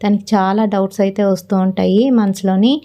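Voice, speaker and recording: Mellow-voiced woman telling a horror story. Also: mid-range voice, a little fast. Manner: relaxed, frequent "aa" fillers. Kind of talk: casual spoken horror storytelling.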